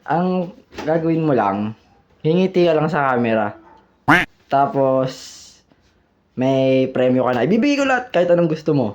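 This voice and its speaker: Teasing Filipino man with a lively voice. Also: a little high, normal speed, long pauses, highs cut off. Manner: teasing, playful, laughs at own jokes. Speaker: vlogger host. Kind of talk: casual joking vlog chat.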